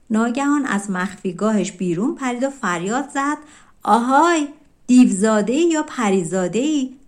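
A woman narrating an audiobook of folk tales in a calm, colloquial storytelling manner. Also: mid-range voice.

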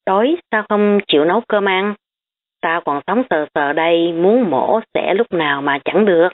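A woman doing a sharp-tongued rich schoolgirl. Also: on the low side, moderate pace, a little hiss or hum, natural voice. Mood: defensive. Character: rich girl hiding her wealth, defensive. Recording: tinny phone-like audio.

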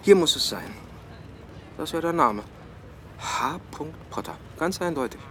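A polite, formal visiting author, played by a man in a radio drama. His voice sits fairly high, with faint street noise behind him. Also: animated, a little slow, fairly bright tone.

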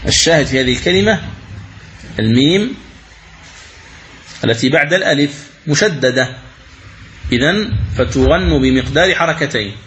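A man teaching the rules of Quran recitation, asking questions and answering them himself, and chanting verses slowly as examples. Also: on the high side, expressive, fairly bright tone, slight background noise. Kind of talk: religious lesson commentary.

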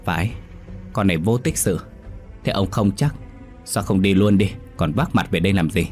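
A man's voice: low voice, normal speed, faint music behind, close to an everyday voice. A man voicing a scheming, bitter middle-aged woman who snaps back defiantly in a ghost story. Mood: scornful. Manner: sharp, defiant retorts.

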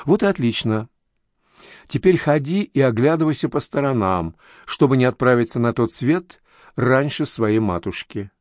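A man reading an audiobook, voicing a harsh, overweight male boss who yells shrilly at an employee. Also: animated, moderate pace, no echo, studio quality, lightly acted. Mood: cold threatening. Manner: yelling, shrill when enraged. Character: harsh fat male boss, furious and cruel.

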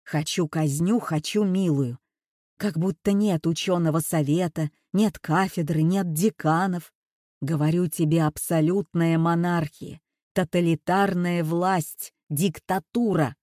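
A man's voice: fairly high pitch, slow pace, warm tone, no room sound, clean studio sound. Woman reading as a bitter older male professor. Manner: bitter, indignant.

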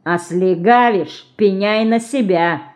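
A woman voicing a gruff, threatening grown outlaw man in an audiobook. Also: medium pitch, unhurried, darkish tone, lightly acted. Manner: rough, threatening.

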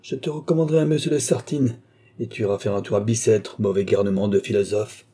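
A man's voice: on the low side, level tone, quick pace, husky. A man voicing a furious, blustering old aristocratic baron in an audiobook reading. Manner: shouting, blustering.

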